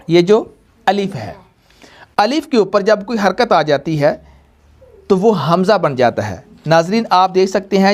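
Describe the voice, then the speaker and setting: A man teaching a Quran reading class, patiently repeating points and quizzing students in call-and-response. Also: high voice. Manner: repetitive call-and-response questioning; patient, slow drilling. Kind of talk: classroom lesson to students and viewers.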